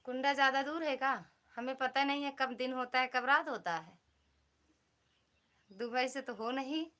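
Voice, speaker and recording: A woman's voice: sits high, normal speed, pushed and bright. A woman with an Awadhi-flavoured Hindi accent from Uttar Pradesh, hosting a casual live stream, teasing and thanking viewers by name on a phone mic at home. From Uttar Pradesh, India. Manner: teasing, chatty, reads out and thanks commenters.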